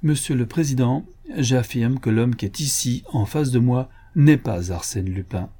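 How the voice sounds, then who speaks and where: A man's voice: mid-range voice, lively intonation, normal speed, dark tone, voice pushed up. A man voicing an old, uneasy male police inspector in an audiobook, speaking earnestly and insistently.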